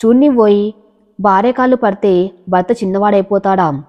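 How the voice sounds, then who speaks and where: A woman's voice: medium pitch, moderate pace, highs cut off, lightly acted. A woman voicing an earnest young husband pleading for his wife, in a storybook reading with long echoey reverb. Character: loving young husband, a builder.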